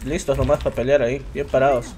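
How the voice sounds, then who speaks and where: A man's voice: medium pitch, flat delivery, fast talker, darkish tone. A man giving combat callouts as a player in team voice chat. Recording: slightly noisy game voice chat, keyboard typing.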